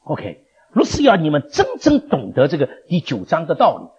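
A man teaching a Bible class, animated, questioning his listeners and chuckling often. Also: a little high, moderate pace, slightly rough. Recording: dull lo-fi recording.

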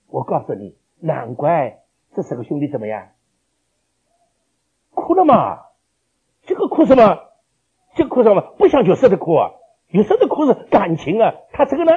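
A man preaching a sermon, asking rhetorical questions and swinging between loud, dramatic lines and quiet ones. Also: high voice, husky. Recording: lo-fi dull recording.

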